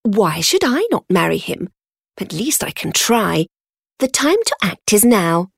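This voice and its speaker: A woman voicing a cunning young woman who flatters and sighs theatrically to get her way. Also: medium pitch, a little slow, creaky, husky, no echo, studio quality, heavily acted. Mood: scheming. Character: scheming, cunning young woman playing humble.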